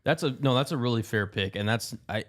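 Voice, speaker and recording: A young man co-hosting a casual sports podcast, running through rankings in a quick broadcaster's manner. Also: medium pitch. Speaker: podcast co-host.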